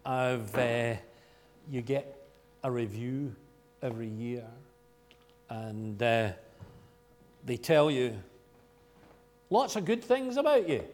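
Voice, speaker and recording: Loud Scottish man telling a story. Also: mid-range voice, expressive, slow, pauses often. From Scotland. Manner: loud, chatty and self-deprecating. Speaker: guest speaker at a church gathering. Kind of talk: informal storytelling sermon.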